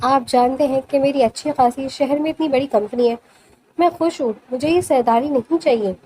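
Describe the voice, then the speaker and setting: A woman's voice: high voice, mellow, a little hiss or hum, lightly acted. A woman voicing a frustrated young man who refuses his family's inheritance, speaking in a protesting way in a storybook reading. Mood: frustrated defiant. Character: young man, heir, fed up and defiant.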